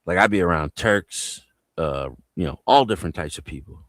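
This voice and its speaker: A man's voice: low voice, animated, moderate pace, fairly bright tone, no echo. A man chatting on a live panel stream, telling loose, profane stories in a casual way. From New Jersey. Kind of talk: casual livestream panel chat. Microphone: home mic on a video call.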